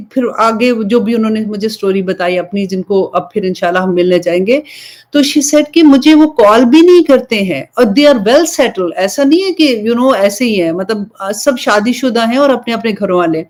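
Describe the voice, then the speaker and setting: A woman's voice: on the high side, a little mellow. A young woman from Pakistan giving an informal religious talk, telling a story in a chatty way and slipping English phrases in between. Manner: conversational storytelling, switching between Urdu and English. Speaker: Islamic preacher.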